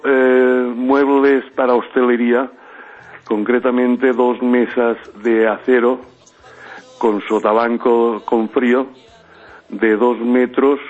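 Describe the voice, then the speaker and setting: A man calling a radio show over the phone, hesitantly listing furniture for sale with many pauses. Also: mid-range voice. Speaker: caller. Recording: tinny phone line on radio.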